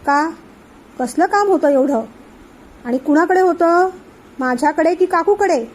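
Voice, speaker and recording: A woman's voice: very high-pitched, a little slow. A woman reading the part of a stern, angry middle-aged uncle who scolds impatiently. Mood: scolding.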